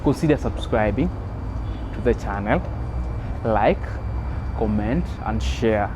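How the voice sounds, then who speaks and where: Slow-paced man vlogging outdoors. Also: lowish voice, lively intonation. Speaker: vlog host. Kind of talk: casual outdoor walking tour commentary. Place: outdoors at a city bus terminal. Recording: outdoor city traffic noise. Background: faint traffic and street ambience.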